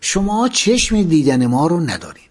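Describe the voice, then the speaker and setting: A man's voice: on the high side, wildly swooping pitch, husky, exaggerated voice. A man voicing a suspicious male prison guard who grumbles and scolds, inside a spoken memoir. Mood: grumbling.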